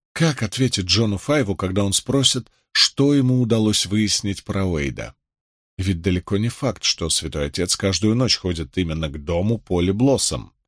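A man reading a novel aloud as an audiobook narrator, in an expressive, dramatic manner. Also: fairly low pitch, no room sound, studio quality. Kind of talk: scripted literary narration.

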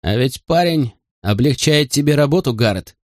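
In a clean, echo-free studio recording, a man voices a cool, wry character who talks curtly and slyly. His medium-pitched delivery is animated and a little mellow at a moderate pace, pitched above his own voice yet close to everyday speech.

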